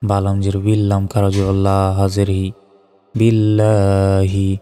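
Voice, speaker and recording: A man's voice: low voice, monotone, normal speed, warm tone. A man teaching Quran reading, spelling each letter and vowel in turn and then chanting the whole word in a melodic recitation. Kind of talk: slow spelling-out recitation lesson. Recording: reverberant with faint background music.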